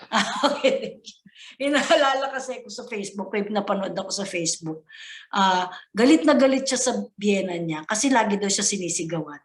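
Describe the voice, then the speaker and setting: A woman's voice: medium pitch, animated, normal speed. A woman giving a conversational motivational talk, often asking her listeners to agree with her. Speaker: motivational speaker. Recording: echoey room.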